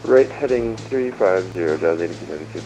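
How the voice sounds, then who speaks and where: A man, a pilot, reading back instructions in steady radio phrasing heard over an aircraft radio. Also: low-pitched. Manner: steady, measured radio readbacks. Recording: distant radio voice over music.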